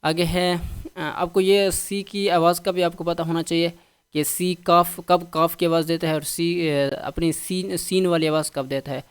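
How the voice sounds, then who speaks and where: Smooth-voiced Pakistani male English teacher. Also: on the high side, steady tone. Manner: patient, repeats each word with its meaning. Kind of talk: vocabulary lesson.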